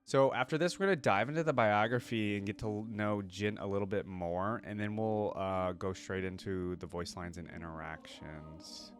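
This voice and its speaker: This reaction video host has a somewhat low voice with fairly even intonation, speaking at a moderate pace with few pauses. He thinks aloud casually and enthusiastically while watching, as loud orchestral music from a game trailer and theme plays underneath.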